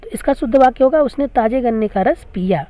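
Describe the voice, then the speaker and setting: A woman's voice: a little high, expressive, fairly quick, dark tone, no room sound. A woman teacher explaining grammar to school students, patiently repeating each question before giving the answer. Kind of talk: classroom grammar lesson.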